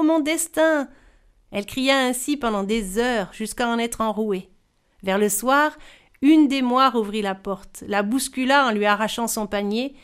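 Clear-voiced woman reading a fairy tale. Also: fairly high pitch. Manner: expressive, varied storytelling. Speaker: storyteller.

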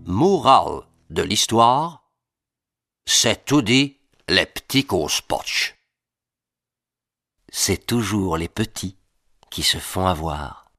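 A man's voice: sits low, animated, slow pace, long pauses, sharp tone, no echo, clean studio sound. A man, explaining words to children with playful, mock-serious asides. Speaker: comic presenter.

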